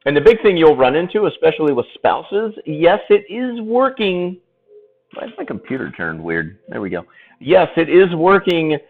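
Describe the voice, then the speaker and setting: A man painting during a live stream, chatting casually, laughing often and swearing freely as he answers viewers. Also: fairly high pitch. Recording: tinny phone-like audio with faint music.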